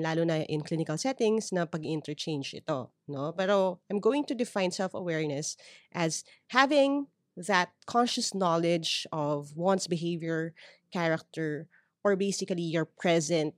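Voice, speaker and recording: A Filipino woman podcaster with a slightly low voice and a dry, close sound. She talks through advice conversationally, switching between two languages and explaining as she goes with little check-in tags. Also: lively intonation, moderate pace, no room sound. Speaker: podcast host.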